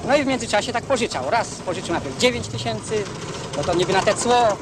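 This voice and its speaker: High-voiced man in 1970s newsreel audio. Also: lively intonation, quick pace, noisy background. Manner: rambling, fills with "prawda", restarts often. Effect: 1970s newsreel sound recording. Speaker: interviewee. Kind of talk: casual spoken account.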